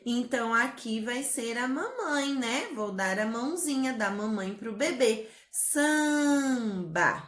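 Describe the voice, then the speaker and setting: Slow, sing-song woman teaching small children. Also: fairly high pitch, animated, fairly bright tone. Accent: Brazilian Portuguese. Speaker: primary school teacher. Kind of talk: children's spelling lesson. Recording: echoey room.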